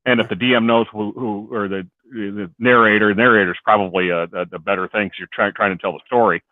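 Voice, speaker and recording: A man with a fairly low voice talks casually, rambling through rule examples. He comes over a thin, phone-like line. The sound is dry, with no room around it. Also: fairly even intonation, fairly quick, dry recording. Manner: rambling, explains with worked examples. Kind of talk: casual chat.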